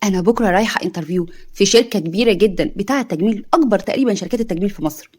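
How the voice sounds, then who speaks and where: A woman voicing a young Egyptian graduate, hurt but quick with a retort. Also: medium pitch, darkish tone, natural voice. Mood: hopeful.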